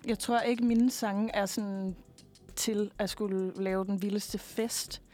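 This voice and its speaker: A guest singer in her twenties chats casually during an interview in a mid-range voice. She sounds relaxed but hesitant, using lots of fillers.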